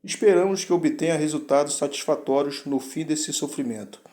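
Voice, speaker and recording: A man's voice: on the high side, a little fast, mellow, pitched above the performer's own voice, lightly acted. A man voicing a formal system screen that announces the rules of a trial.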